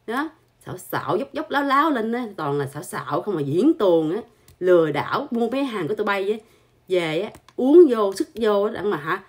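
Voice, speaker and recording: Husky-voiced woman scolding. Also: mid-range voice. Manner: scolding, insulting, repeats filler particles. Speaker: channel host. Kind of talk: angry scolding monologue.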